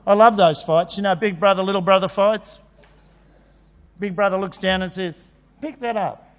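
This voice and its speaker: A man gives a jokey, animated talk at a conference, acting out kids' voices. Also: high voice, normal speed, smooth. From Australia. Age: 50s. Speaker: conference speaker. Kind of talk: energetic presentation. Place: large conference hall. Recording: long hall reverb.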